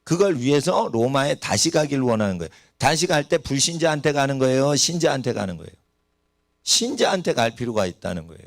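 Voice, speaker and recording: A man's voice: mid-range voice, big pitch swings, fairly quick, creaky, no echo, studio quality. A man preaching a sermon in a church, asking the congregation rhetorical questions. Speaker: pastor. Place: church sanctuary.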